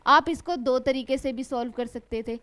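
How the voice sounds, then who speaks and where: Woman teacher, fairly high voice, asks then answers herself, stretches example words out slow. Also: a bit bright, clear, resonant tone. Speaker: English grammar teacher. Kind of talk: classroom lecture.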